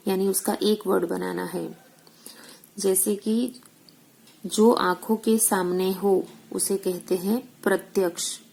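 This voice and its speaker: A woman's voice: medium pitch, vocal fry, a little mellow, low-quality recording. A woman teacher goes through textbook exercises, asking questions and answering them herself, with English words mixed in. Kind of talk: recorded school lesson, explaining textbook exercises.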